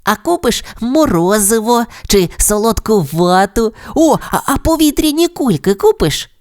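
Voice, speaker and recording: A narrator voicing an excitable little male corgi puppy in a storybook, asking eager, high questions. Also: measured pace, no room sound, clean studio sound. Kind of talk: storybook character voice.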